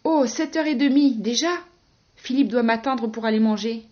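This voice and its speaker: A woman voicing a relaxed young female friend who is drowsy and chatty, speaking louder and livelier than her narration. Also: a little high, fairly quick, highs cut off, close to an everyday voice. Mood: lively.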